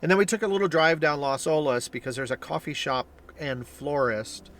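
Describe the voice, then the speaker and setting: A man's voice: fairly high pitch, moderate pace, a bit bright, a little hiss or hum. A man chatting casually to the camera as a vlogger, upbeat and explanatory, recorded in a car and in a store. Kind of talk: casual vlog chat.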